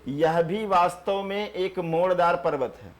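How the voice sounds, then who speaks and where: Guy teaching geography, kinda high voice, repeats words slow so u can write. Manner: repeats key terms slowly for students to write; asks the class questions and answers himself. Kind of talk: classroom geography lecture.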